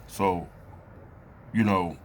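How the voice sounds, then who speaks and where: A man in his late thirties giving a reflective personal talk to camera, loose and halting, with many fillers and pauses. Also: low voice, noisy background. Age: 30s. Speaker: vlogger.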